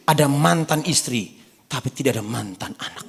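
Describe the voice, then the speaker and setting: A man pastor preaching a sermon in a church, animated and joking, breaking into shouts. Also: mid-range voice, normal speed, creaky, husky.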